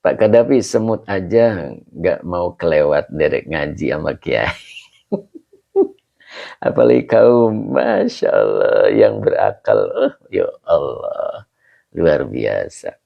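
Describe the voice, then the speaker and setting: A middle-aged man, an Islamic preacher casually chatting through viewer comments on a livestream with chuckles and drawn-out exclamations. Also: a bass voice, sing-song, gravelly. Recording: slightly dull lo-fi livestream audio.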